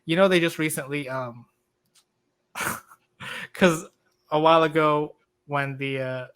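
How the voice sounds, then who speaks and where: A man's voice: fairly high pitch, fairly even intonation, slow pace, fairly bright tone, clean tone. A man co-hosting a podcast in casual chat, rambling with lots of "like". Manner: rambling, uses "like" a lot, laughs while talking. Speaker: podcast co-host.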